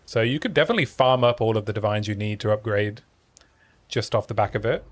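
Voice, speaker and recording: The voice belongs to a young man streaming a game: fairly low in pitch, quick, and soothing in the manner of a sleep story. He chats casually as he plays, relaxed and answering viewers' messages between plays.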